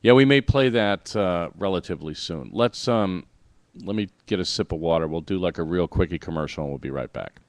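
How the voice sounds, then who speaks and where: A man hosting a podcast in casual chat, rambling and correcting himself as he explains things slowly. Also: sits low, lively intonation. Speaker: podcast host.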